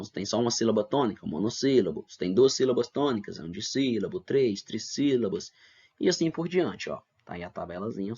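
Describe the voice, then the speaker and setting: A low-pitched male teacher walks pupils through an online lesson step by step. He asks himself rhetorical questions and keeps checking in with his students. The sound is dull and lo-fi, like a basic computer mic. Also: slightly rough. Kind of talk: online lesson for middle school.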